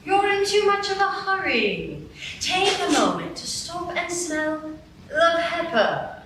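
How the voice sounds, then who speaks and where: A woman playing the Duchess, a brusque, cryptic noblewoman who talks in a dismissive, drawn-out way. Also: very high voice, sing-song, very noisy, exaggerated voice. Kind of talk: live radio play acting. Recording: echoey hall, distant mic.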